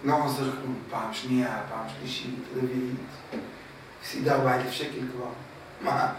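A man preaching, telling a parable in a lively storytelling manner that repeats words for effect. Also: mid-range voice, background noise. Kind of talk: religious storytelling sermon. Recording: very echoey room from a distant mic.

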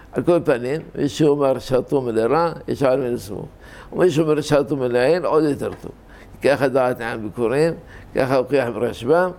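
Gravelly older man teaching scripture grammar. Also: mid-range voice, a little mellow. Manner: deliberate, repeats and corrects himself while explaining. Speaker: religious teacher. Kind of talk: informal scholarly talk on scripture reading.

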